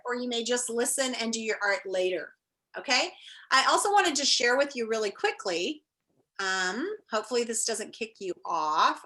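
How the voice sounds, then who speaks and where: On a video call from indoors, a woman teacher talks to her online class and reads aloud to them. Her high voice is bright and forceful, full of enthusiasm and encouragement.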